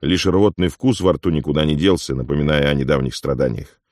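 A man narrating an audiobook in a measured, steady storytelling manner. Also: extremely low pitch, dry recording, studio quality.

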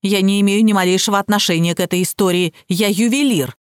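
A woman narrator voicing a nervous, shifty man who protests in a hurried, shrill way. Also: fairly even intonation, clean tone, no room sound, clean studio sound, lightly acted. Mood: indignant. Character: nervous, shifty adult man accused of fraud.

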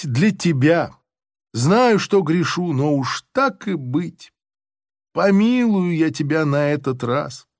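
A man's voice: on the high side, no room sound, studio quality. A man playing a sanctimonious, sadistic army officer who talks in a smug, moralizing way, in a storybook reading. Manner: unctuous, moralizing, then gleefully shouting.

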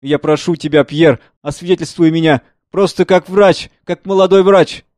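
A man voices an anguished aging writer in an impassioned, declamatory manner, pitching his voice fairly high, above his natural voice, though it stays close to an everyday sound. His intonation is fairly even, his speed normal and his tone darkish. The recording is clean studio sound with no room sound.

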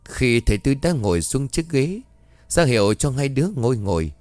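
A man reading a first-person horror story aloud in a slow, suspenseful narrating manner. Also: mid-range voice, very animated, a little mellow, dry recording.

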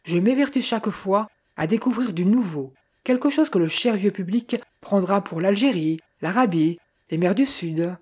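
A woman's voice: mid-range voice, expressive, normal speed, few pauses, darkish tone, slightly rough. A woman voicing a self-assured, amused young woman in an audiobook.

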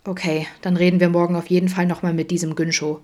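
A woman voicing a flustered young detective, speaking a little higher and quicker on the phone in an audiobook reading. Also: level tone, a little mellow, lightly acted.

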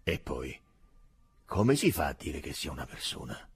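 A man voicing a calm, dutiful army sergeant who speaks evenly and slowly. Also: extremely low pitch, slightly rough, exaggerated voice. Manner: even, slow, dutiful, matter-of-fact. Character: calm older male army sergeant, by-the-book.

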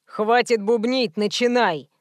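A woman's voice: on the high side, slow pace, no echo, clean studio sound. A woman voicing a rude, bossy male director who barks orders, in an audiobook reading. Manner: brusque, rude, commanding.

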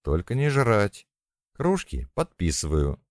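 A chirpy, excitable young woman with a high, lively voice , performed by a male narrator. Her lines bounce up sharply in pitch. The recording is dry and close. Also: slow, dry recording. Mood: cheerful. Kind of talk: audiobook character voice.

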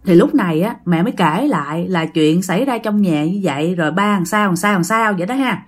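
A woman with a Southern Vietnamese accent, narrating a ghost story to her listeners in lively quoted speech. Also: lowish voice, a little fast.

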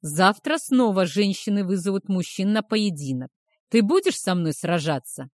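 A woman's voice: medium pitch, expressive, moderate pace, dry recording, studio quality, natural voice. Woman voicing a barking werewolf pack leader. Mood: wary. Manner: barking orders, shouting. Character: male werewolf pack leader, commanding, short-tempered.

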